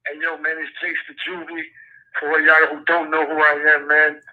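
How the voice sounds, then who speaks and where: A man's voice: on the high side, monotone, moderate pace. Brooklyn man over a tinny prison phone. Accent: Brooklyn New York. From Brooklyn, New York. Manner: laid-back street slang, repeats "you know what I'm saying". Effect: heard over a prison phone line. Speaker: incarcerated rapper calling in as guest. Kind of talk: casual phone interview.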